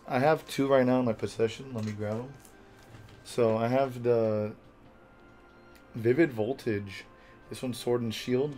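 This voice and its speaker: A young American man with a raspy voice, chatting casually to camera in a rambling, jokey, laid-back way as he hosts an unboxing vlog. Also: medium pitch, darkish tone. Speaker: host of a card unboxing vlog. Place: small bedroom, indoors.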